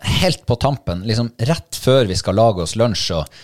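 A man in casual conversation, speaking slowly and reflectively, with a lot of hesitation and fillers. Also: medium pitch, big pitch swings. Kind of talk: casual chat.

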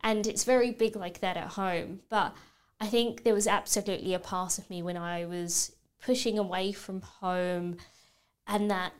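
Reflecting openly on her life in a personal podcast conversation, a guest in her thirties from the United Kingdom speaks with a British accent. She has a smooth, steady, medium-pitched voice and keeps a moderate pace.

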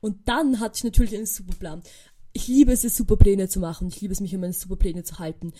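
A young woman, hosting a podcast and telling a story casually, with lively quoted dialogue and many fillers. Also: mid-range voice, fast. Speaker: podcast host.

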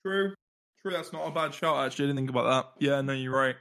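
Excitable man stammering. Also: mid-range voice, quick pace, gravelly. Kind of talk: casual chat.

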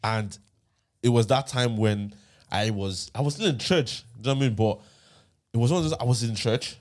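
A man's voice: medium pitch, a little fast, darkish tone. A young man telling stories in casual, slangy banter and repeating his phrases as he goes.

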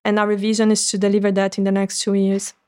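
A woman's voice: mid-range voice, completely flat delivery, fast, dark tone. Earnest woman explaining her research. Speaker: startup founder. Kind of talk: interview answers.

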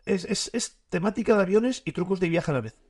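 A man co-hosting a podcast talks fast in a slightly high voice. He jokes constantly, stammers at times and slips into silly put-on voices. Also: a little mellow, slightly rough. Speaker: podcast co-host. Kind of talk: casual chat.

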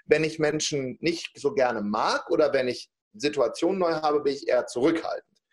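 A man's voice: fairly high pitch, moderate pace. A middle-aged man telling a personal story in casual conversation, acting out the people he quotes. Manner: lively storyteller, acts out quoted speech. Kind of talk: personal anecdote in casual talk.

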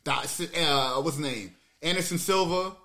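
A man co-hosting a casual podcast, with a voice sitting a little high for a man. He talks loud and animated, heavy on slang and swearing. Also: moderate pace. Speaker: podcast co-host. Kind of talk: casual chat.

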